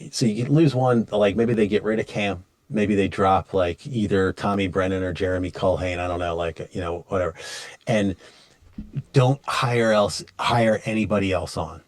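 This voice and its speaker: Male podcast co-host, deep voice, loose rambling delivery, dry recording. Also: moderate pace, no echo. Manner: rambling, many restarts and fillers. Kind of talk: casual chat.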